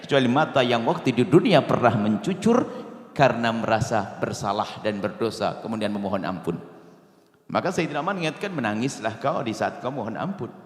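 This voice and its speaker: A male preacher giving an impassioned sermon, dropping to low murmurs and rising to loud pleading. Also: roomy sound, long reverb tail.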